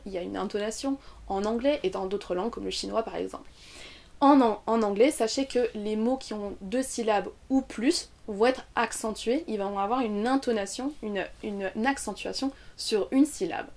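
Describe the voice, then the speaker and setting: Speaking in a mid-range, slightly mellow voice, a young Frenchwoman explains English pronunciation clearly in an online class, pronouncing example words slowly.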